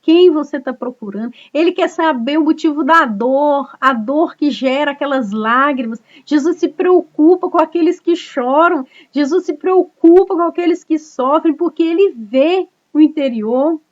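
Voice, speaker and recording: A woman pastor preaches to a small online group in an earnest, chatty way, checking in with listeners as she goes. Her voice sits high. The sound is dull and lo-fi, like a home video call. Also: a little slow, few pauses. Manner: earnest, conversational preaching with frequent tag questions. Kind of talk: online cell group sermon.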